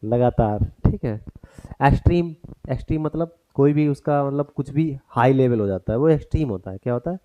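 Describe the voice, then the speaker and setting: A man's voice: mid-range voice, lively intonation, moderate pace, phone-quality sound. A man teaching a grammar lesson for exam prep, who turns each point into a question for the class and mixes English terms into his explanation.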